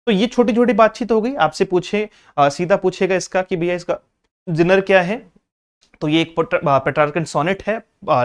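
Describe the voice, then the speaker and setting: Man teaching, drilling points with questions. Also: high-pitched. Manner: repeats key points and poses questions to the class; mixes English terms into his explanations. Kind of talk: exam-prep lecture.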